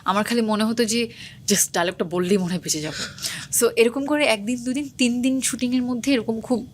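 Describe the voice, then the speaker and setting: A young woman, an actress, talking quickly and casually in an interview, dropping English words into her speech. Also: fairly high pitch, a little hiss or hum. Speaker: actress guest.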